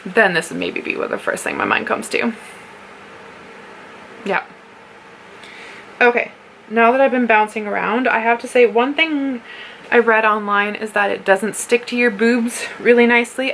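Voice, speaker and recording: A woman's voice: on the high side, a little slow, vocal fry, long pauses, fairly bright tone, a little hiss or hum, low-quality recording. A woman giving a casual solo product review in a candid, playful, sweary and rambling, tipsy manner.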